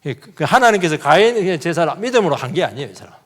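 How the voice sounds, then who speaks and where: A man's voice: a little high, big pitch swings, fast, a bit bright. A man, a pastor, preaching a sermon, with rhetorical questions and acted-out quotes. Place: church sanctuary. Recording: long church hall reverb.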